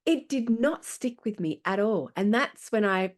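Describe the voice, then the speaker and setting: A middle-aged woman speaking as a podcast guest, telling her story in a casual, animated way and laughing often. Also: medium pitch, measured pace.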